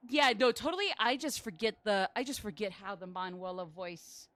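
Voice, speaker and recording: A woman's voice: mid-range voice, moderate pace, fairly bright tone, no room sound. A young woman game streamer chatting casually, rambling with lots of fillers and apologies. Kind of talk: casual livestream chat.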